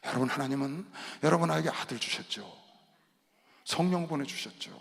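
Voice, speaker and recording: A middle-aged man preaching a sermon as pastor, fervent, swinging from quiet asides to shouts. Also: on the high side, a little fast, creaky. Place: large arena hall. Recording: long reverb of a large hall.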